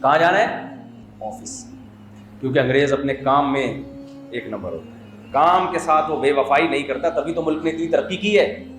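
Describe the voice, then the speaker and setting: A man's voice: fairly high pitch, fairly bright tone, soft background music. A man from Pakistan giving an informal sermon as an Islamic preacher, talking conversationally and asking his listeners rhetorical questions. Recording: roomy with faint background noise.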